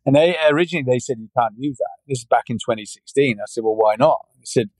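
A man's voice: medium pitch, quick pace, darkish tone, no echo, poor audio. British man, forties, casual interview guest, rambling, dry close sound. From United Kingdom. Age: 40s. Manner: rambling, many restarts, frequent "yeah" and "you know". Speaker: podcast guest.

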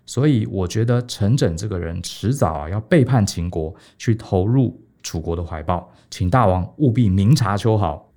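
A man's voice: fairly low pitch, expressive, moderate pace, mellow. A man voicing a scheming male court adviser in an ancient story, speaking in a wheedling, confiding tone. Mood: sly.

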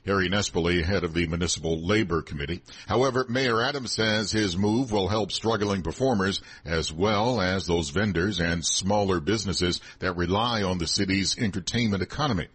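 A man's voice: low voice, moderate pace, few pauses, fairly bright tone, slightly rough. A man reading scripted headlines as a radio newsreader.

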